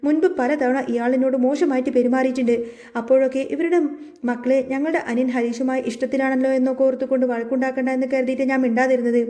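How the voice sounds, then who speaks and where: A woman's voice: high voice, steady tone, fast, dark tone, close to an everyday voice. A woman reading the part of a wronged young wife who speaks firmly and with dignity in a storybook retelling. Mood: resolute. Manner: firm and resolute.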